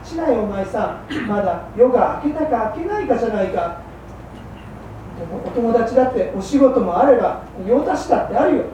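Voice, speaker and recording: A woman's voice: a little high, lively intonation, dark tone, natural voice. A woman playing a patient, shrewd fishmonger's wife who coaxes and scolds in old Edo speech. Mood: coaxing. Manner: coaxing, reproachful, brisk. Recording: roomy hall from far off, faint hum.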